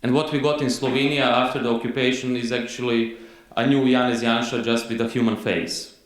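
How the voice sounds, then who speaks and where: Man, croatian accent, conference lecture, measured delivery with fillers, middle pitch, very echoey hall. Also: fairly even intonation. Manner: measured, frequent "uh" fillers, reads quotes slowly.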